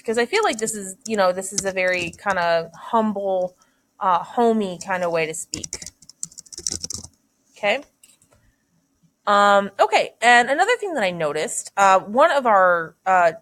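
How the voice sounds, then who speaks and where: A woman's voice: mid-range voice, a bit bright. A woman teacher thinking aloud through a literary analysis lesson, casual, with many fillers and "right?" checks.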